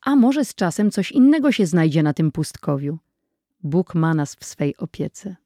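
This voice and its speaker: A reader voicing a calm, sensible older brother. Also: mid-range voice, moderate pace, dry recording, studio quality. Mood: steady. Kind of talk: audiobook character voice.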